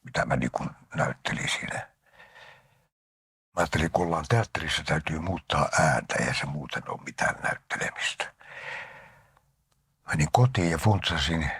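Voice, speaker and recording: An older man from Finland spins anecdotes as an interview guest, his very deep voice swinging lively up and down. The tone is rough and husky, and he often slips into a breathy half-whisper. The sound is close and dry. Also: long pauses, no room sound. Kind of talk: reminiscing interview talk.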